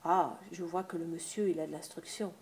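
A woman's voice: lowish voice, fairly even intonation, brisk, darkish tone, a little hiss or hum, close to an everyday voice. A woman voicing a talkative older countrywoman, an innkeeper's wife with homely familiar speech. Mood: chatty.

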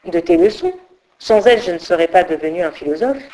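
A woman's voice: medium pitch, very animated, brisk, gravelly, mellow, slight background noise, low-quality recording. A woman voicing an earnest, grateful young male philosopher visiting his old teacher.

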